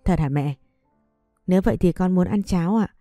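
Tearful three-year-old boy, voiced by a woman narrator, mellow tone, storybook reading. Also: lowish voice, a little fast, no echo, clean studio sound, soft background music, natural voice. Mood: pleading, childlike.

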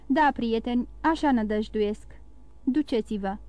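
A woman voicing a dignified, grieving older shipowner who speaks gently and formally in a storybook reading. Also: on the high side, no room sound, natural voice. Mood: subdued.

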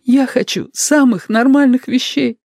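A man voicing a young woman in an audiobook, emotional and pleading, in a raised high voice. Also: steady tone, measured pace, a little mellow, no echo, clean studio sound. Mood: tearful.

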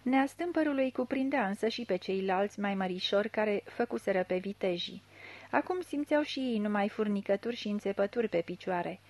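A woman reading a literary novel aloud in a measured, even storytelling manner into a close studio mic. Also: mid-range voice. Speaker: audiobook reader. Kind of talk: scripted literary narration.

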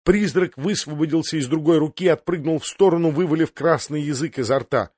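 A man's voice: fairly high pitch, a little fast, darkish tone, husky, no room sound. Man narrating an audiobook, dry sound. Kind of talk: scripted narration.

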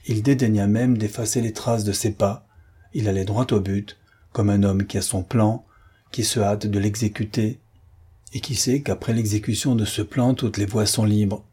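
A man narrating a classic novel as an audiobook in a steady, measured way. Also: on the low side, slightly rough. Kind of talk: scripted narration.

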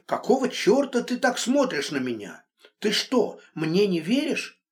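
A man's voice: big pitch swings, a little slow. A man voicing a distraught young woman, pleading and emotional. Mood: defensive. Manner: pleading, emotional, rising pitch.

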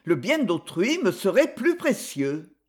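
In an audiobook, a reader performs a scheming, triumphant middle-aged mother, raising the voice emphatically. The pitch is medium with big swings, and the delivery is unhurried.

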